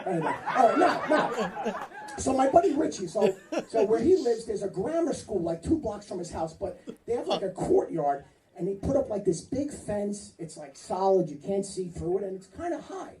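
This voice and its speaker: A man's voice: sits high, big pitch swings, normal speed, roomy sound. A man in his fifties doing a rambling, profane stand-up routine on a comedy club stage, cutting off hecklers as he goes. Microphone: handheld stage mic. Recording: distant mic, loud crowd laughter.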